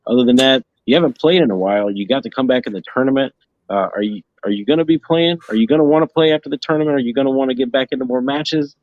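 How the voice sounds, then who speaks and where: A man's voice: mid-range voice, darkish tone, no room sound, dull audio. A man hosting a casual trivia show, reading questions and teasing the others playfully.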